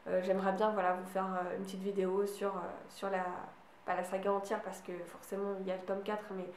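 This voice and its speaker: A woman's voice: mid-range voice, completely flat delivery, quick pace, echoey room, slight background noise. A woman vlogging casually about books she bought, hesitating often with fillers and restarts. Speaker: book vlogger. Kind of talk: casual book haul chat.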